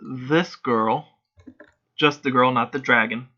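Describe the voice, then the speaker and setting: A man narrating a tabletop role-play as game master in a steady, descriptive storytelling manner. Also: mid-range voice, slow pace, dull audio.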